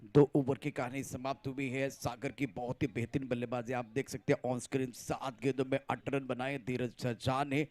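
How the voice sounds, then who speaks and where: A man's voice: mid-range voice, level tone, moderate pace, hardly any pauses, a little mellow. A man giving cricket commentary as an analyst, talking through the play with emphatic, admiring remarks.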